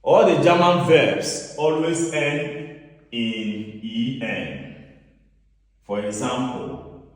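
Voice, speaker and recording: Man as a patient teacher, drilling words slowly, far from the mic in a roomy hall. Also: mid-range voice. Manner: repetitive, asks the listener questions. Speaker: language teacher. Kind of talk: classroom-style lesson.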